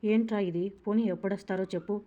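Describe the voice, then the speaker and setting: A woman's voice: mid-range voice, steady tone, quick pace, mellow, close to an everyday voice. A woman doing an anxious, questioning mother. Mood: worried. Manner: pressing, worried questions.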